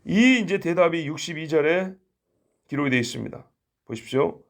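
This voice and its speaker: A man's voice: a little high, lively intonation, normal speed, gravelly. A man preaching a sermon as pastor, conversational and acting out the quoted lines.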